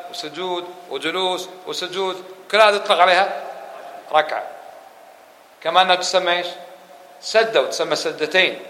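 A man teaching a religious lesson to a mosque audience, asking questions and answering them himself. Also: on the high side. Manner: fast, lively delivery that drops to quick murmured dhikr runs. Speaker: Islamic scholar teaching a lesson. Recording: echoey room with faint hum.

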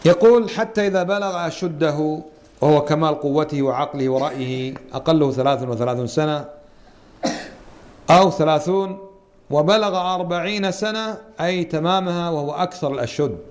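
A man's voice: fairly high pitch, brisk, darkish tone. A man teaching a Quran interpretation lesson as a religious teacher, quizzing his students and repeating and stressing key words.

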